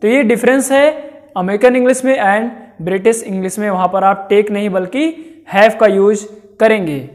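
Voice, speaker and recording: A man giving a spoken-English lesson who repeats himself and slowly draws out each example phrase. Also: high-pitched, steady tone. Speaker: English teacher.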